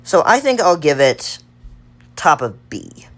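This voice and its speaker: A woman's voice: low-pitched, sing-song, slow, fairly bright tone. A woman giving casual tier-list commentary on a card game, thinking aloud and rambling with fillers and restarts. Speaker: gaming video creator.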